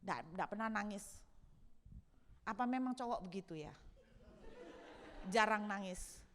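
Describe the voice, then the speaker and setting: A woman pastor preaching a sermon, telling stories in an expressive, humorous way. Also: mid-range voice, unhurried. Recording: long hall reverb.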